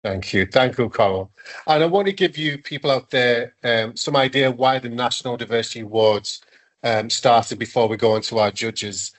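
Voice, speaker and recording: A man's voice: medium pitch, moderate pace. A man hosting a video-call webinar as founder of an awards, chatting enthusiastically with many restarts and fillers. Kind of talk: casual webinar chat.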